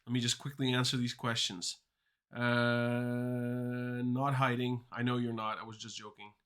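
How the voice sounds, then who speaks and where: A man learning to code, whose first languages are Dutch and Turkish, chats casually on a livestream and rambles while answering chat questions mid-talk. His mid-range voice is clear, resonant and fairly bright, with a flat delivery at a measured pace.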